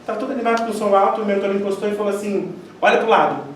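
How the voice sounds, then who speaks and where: A man gives a spiritist lecture, telling animated personal stories and acting out the dialogue. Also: sits high, racing. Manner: animated storyteller who acts out quoted dialogue. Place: lecture hall of a spiritist center. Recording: very echoey hall, distant mic, faint noise.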